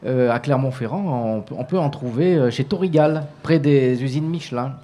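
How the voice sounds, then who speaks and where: A man on a talk-show panel, describing slowly with hesitations. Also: medium pitch, warm tone.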